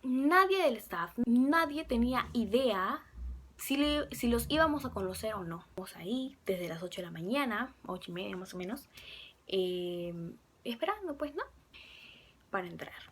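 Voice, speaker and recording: A young woman casually telling a fan story to camera, chatty and excitable, sometimes dropping to a whisper. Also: a little high, moderate pace. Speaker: fan vlogger.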